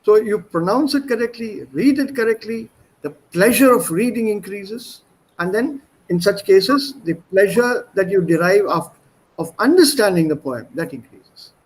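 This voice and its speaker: A man teaching an online German class on a video call, drawing out words slowly as he quizzes students on stress, and switching between German and English. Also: high-pitched, expressive, low-quality recording.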